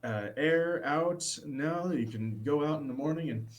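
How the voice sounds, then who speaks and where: A man co-hosting a casual sports podcast, talking with lots of fillers and restarts and getting excited about baseball. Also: fairly high pitch, a little slow. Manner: rambling, many fillers and restarts. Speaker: podcast co-host.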